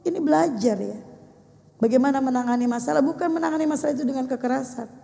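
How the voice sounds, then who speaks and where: An older woman gives a religious talk to a room of mothers, animated and addressing them head-on. Her voice sits high and has a gravelly edge. The sound rings out in a large, echoey hall. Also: fast talker. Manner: animated, addressing the mothers directly, acting out how to speak to children. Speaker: religious teacher. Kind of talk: religious talk to a women's gathering.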